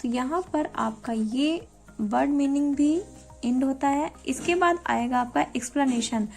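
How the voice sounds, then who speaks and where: A young woman with a high voice and a gravelly edge explains a lesson plan step by step, speaking straight to her viewers. She slows right down to read quoted English lines carefully, and faint music sits behind her. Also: a little mellow. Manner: explanatory, addresses viewers directly; reads quoted English lines slowly and deliberately. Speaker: teacher-training student explaining a lesson plan. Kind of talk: spoken tutorial walkthrough.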